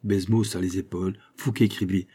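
Husky low-voiced male audiobook narrator. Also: flat delivery, fast talker, warm tone.

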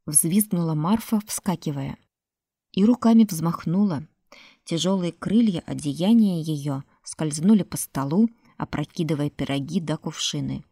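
Slow, low-voiced woman narrating a story. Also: gravelly, mellow, slightly rough, no room sound, clean studio sound. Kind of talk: audiobook narration.

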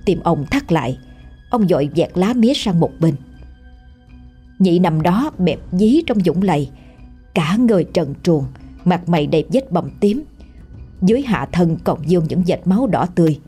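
A woman with a Southern Vietnamese accent narrating a scripted horror story in a steady, somber way. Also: fairly low pitch, normal speed, pauses often, slightly rough, faint music behind.

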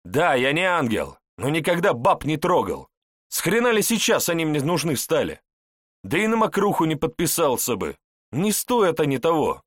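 A man's voice: fairly low pitch, no room sound, studio quality, pitched above the performer's own voice. A man voicing a brash young male suspect who talks back in heated slang, in an audiobook.

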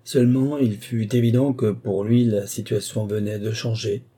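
A man reading a classic novel aloud as narrator, in measured, even storytelling. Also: fairly low pitch, husky. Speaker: audiobook narrator. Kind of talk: scripted literary narration.

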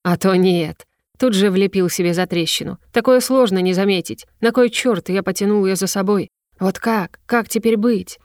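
A woman narrating a first-person story in a lively, ironic storytelling manner, read close to the mic. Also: mid-range voice, normal speed, no room sound. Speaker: audiobook reader.

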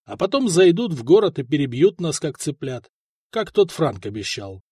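A man voicing a weary, blunt soldier who speaks low and fatalistic, in a storybook reading. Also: big pitch swings, normal speed, darkish tone, breathy edge, no echo, studio quality. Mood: gloomy. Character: weary grim male soldier, blunt and gloomy.

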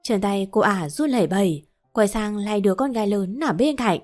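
A woman narrating a ghost story in a steady storytelling voice. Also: medium pitch, normal speed, soft background music.

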